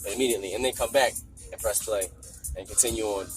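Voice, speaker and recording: Low-voiced man with a smoker's rasp. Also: quick pace, poor audio. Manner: informal, rambling, slangy delivery. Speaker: podcast host. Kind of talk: casual solo podcast chat. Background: music playing in the background.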